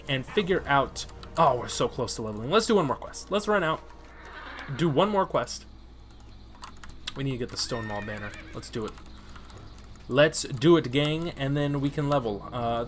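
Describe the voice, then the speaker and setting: A man's voice: a little high, fairly bright tone. Chatty young man gaming. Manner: chatty, joking, swears freely. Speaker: gaming host. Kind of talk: casual gameplay commentary.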